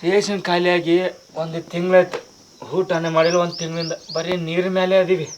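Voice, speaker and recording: A man's voice: high-pitched, flat delivery, a little fast, noisy background. A man with a North Karnataka Kannada accent, playing a tenant in a village comedy, talking in a coaxing, complaining way.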